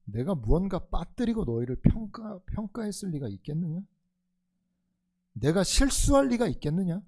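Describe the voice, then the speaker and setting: A man preaching a sermon in a high, ringing voice. He shifts between hushed, low asides and intense, forceful declarations, voicing quoted speakers dramatically as he goes. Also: sing-song, normal speed. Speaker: pastor. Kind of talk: expository sermon.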